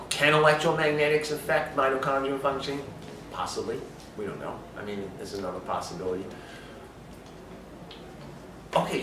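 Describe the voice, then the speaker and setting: A man's voice: mid-range voice, background noise. A man giving an emphatic health talk, lecturing and asking rhetorical questions. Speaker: speaker on supplementation. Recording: echoey room from far off.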